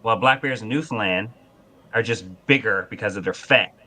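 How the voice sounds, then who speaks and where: A man's voice: on the low side, fairly quick, pushed and bright. A man telling casual, folksy outdoor stories in a blunt, rambling anecdotal way. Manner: folksy hunting-yarn telling.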